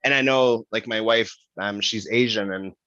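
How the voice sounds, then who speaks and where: A man hosting a podcast, reflecting out loud in a casual, halting way with restarts. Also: on the low side, no room sound, muffled recording. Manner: thinking aloud, halting with restarts and fillers. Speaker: podcast host.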